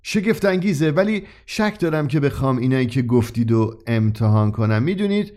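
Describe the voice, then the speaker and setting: A man's voice: medium pitch, animated, a little mellow, voice pushed up, close to an everyday voice. A man voicing a cautious, shy young customer who talks politely and hesitantly in a read-aloud story. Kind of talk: audiobook character reading.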